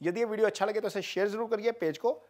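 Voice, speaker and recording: An astrologer explaining a horoscope to viewers in a steady, explanatory way, pausing often with "uh" fillers. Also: mid-range voice.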